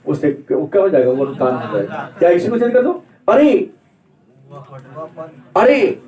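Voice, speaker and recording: A man's voice: medium pitch, warm tone. A man teaching Hindi grammar in a classroom lecture, asking the class questions and then answering them himself. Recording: echoey room, mic far off.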